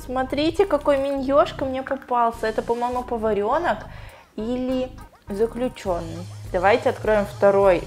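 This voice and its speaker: A young woman sitting in a bathtub in a small tiled home bathroom vlogs casually while unboxing toys, chatting playfully to her dog and her viewers. Her voice is on the high side, a little mellow, at normal speed, recorded on a lapel mic with soft music in the background.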